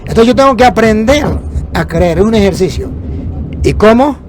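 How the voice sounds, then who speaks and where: This preacher speaks with emphasis at a moderate pace, his higher-than-usual male voice full of lively intonation. He poses rhetorical questions and supplies his own answers. A moving bus rumbles faintly underneath.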